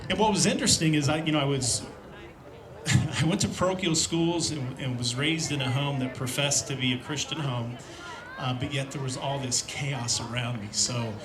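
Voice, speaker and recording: A man in his fifties from Indiana gives an earnest, reflective personal testimony at a church event, pausing often on fillers. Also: medium pitch, fairly even intonation, a crowd in the background. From Indiana, USA. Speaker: speaker sharing a recovery testimony. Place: large room at a church event with an audience. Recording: roomy hall with audience noise.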